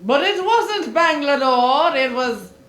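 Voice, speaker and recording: An actress playing a haughty Russian countess with a put-on accent in an old-time radio comedy stage show. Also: female voice, high-pitched, animated, slow pace, a bit bright, a little hiss or hum, full character voice. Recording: roomy live stage recording.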